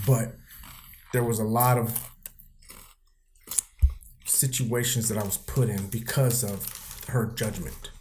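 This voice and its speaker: A man's voice: on the low side, steady tone, slow, pauses often, darkish tone, a little hiss or hum. A man in a casual podcast chat, telling candid stories laced with profanity and acting out what people said. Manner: acts out quoted people mid-story.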